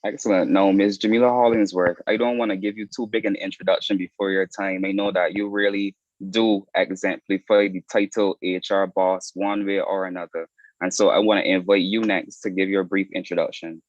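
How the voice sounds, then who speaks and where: A man with a lowish voice hosts a panel discussion as moderator. The sound is dry and a little dull, like an online call. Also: flat delivery, fairly quick, dry recording.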